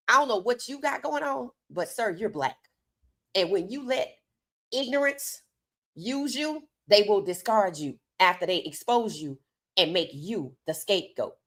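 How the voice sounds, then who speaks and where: A woman's voice: on the high side, fairly bright tone. Emphatic woman giving opinionated sports commentary. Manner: emphatic, preacher-like rhetorical questions and repetition.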